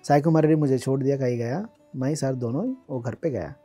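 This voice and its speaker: Mellow-voiced man telling stories. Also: medium pitch, brisk, slightly rough, soft background music. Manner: chatty, mixes English words, laughs while recalling. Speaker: guest. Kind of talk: casual personal storytelling.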